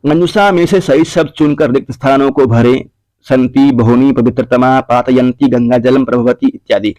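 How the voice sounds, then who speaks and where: A man teaching a classroom grammar lesson, slowly repeating and dictating the answers to exercises. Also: medium pitch, steady tone, darkish tone, no echo.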